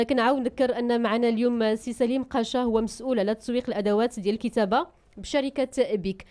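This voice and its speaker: A woman with a Moroccan accent hosting a live radio program, chatty and quick to praise the children she talks to. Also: a little high, a little mellow. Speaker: radio host.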